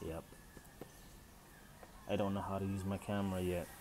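A man's voice: low voice, little pitch movement, moderate pace, a little mellow, a little hiss or hum. A man hosting a casual unboxing vlog at home, thinking aloud as he goes, recorded on a phone. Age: adult, father of three. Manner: thinks aloud, unsure and chatty. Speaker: channel host. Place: home room with Christmas tree. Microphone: phone camera.

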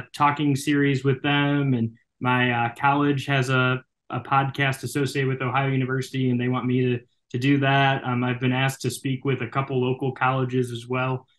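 A young adult man, a baseball broadcaster, chatting as a podcast guest with lots of fillers and restarts. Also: mid-range voice. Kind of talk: casual interview chat.

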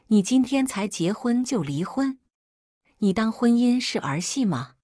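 A woman's voice: sing-song, a little slow, warm tone, no echo. A woman voicing a scheming, insulting middle-aged sister-in-law in a storybook reading. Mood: scornful. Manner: scolding, shrill and insulting.

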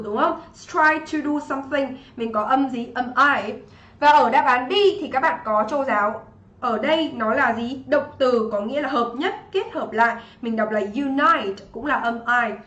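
A young Vietnamese woman teaches an English exam review on a livestream. Her voice is high and bright, and she keeps checking in with her students. The room around her is echoey. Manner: energetic, keeps asking students "right?".

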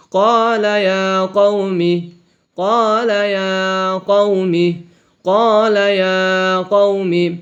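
A man's voice: sits high, fairly bright tone, muffled recording. A man teaching Quran reading, spelling out letters and vowel marks, then drawling each joined syllable for the listener to repeat. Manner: repeats words for the listener to echo. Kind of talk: recorded reading lesson.

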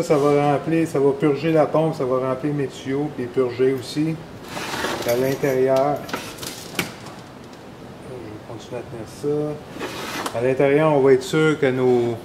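Over a noisy background, a man in his forties with a Québécois French accent and a mid-range voice explains a snowmobile repair step by step. Working as a mechanic in an indoor workshop garage, he speaks in a casual, rambling manner with plenty of fillers.

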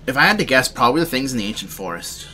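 A man's voice: medium pitch, very animated, rapid-fire, sharp tone, a little hiss or hum. A young man rambling casually and a bit drowsily while commenting on his own gameplay. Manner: rambling, drowsy, thinking aloud. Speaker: game streamer.

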